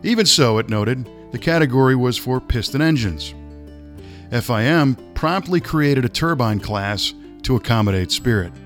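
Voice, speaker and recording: A man reading a nonfiction story aloud in a measured, dramatic way. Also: medium pitch, animated, faint music behind. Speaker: narrator. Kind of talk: scripted nonfiction narration.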